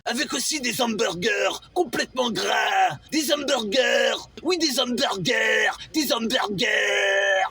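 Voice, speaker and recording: A man improvising a goofy comic movie-trailer parody, shouting and switching between silly voices. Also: high-pitched, slow pace, creaky, few pauses, music in the background. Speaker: comedian doing improvised sketch.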